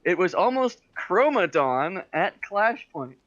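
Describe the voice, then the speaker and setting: A man's voice: high-pitched, big pitch swings, slow pace, a bit bright, dull audio. A man hosting a game stream, chatting casually and reading viewer fan fiction in a theatrical way, laughing often. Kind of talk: casual chat and mock-dramatic reading.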